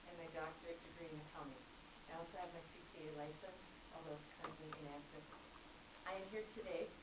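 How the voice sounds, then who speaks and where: A woman who teaches accounting delivers a formal, prepared public comment at a college board meeting, reading figures in a measured, businesslike way. Her voice is on the low side and she has no microphone, so the recording is echoey, distant, dull, and noisy.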